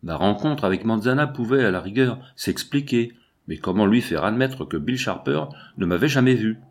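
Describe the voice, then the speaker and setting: A man reading a novel aloud as a first-person audiobook narrator, in a measured storytelling delivery. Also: on the low side, animated.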